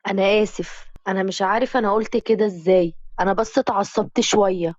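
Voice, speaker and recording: A woman's voice: mid-range voice, fairly quick, darkish tone, no echo, natural voice. A woman voicing a curt young male doctor. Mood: apologetic. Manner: harsh, scolding. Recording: dull, dry recording.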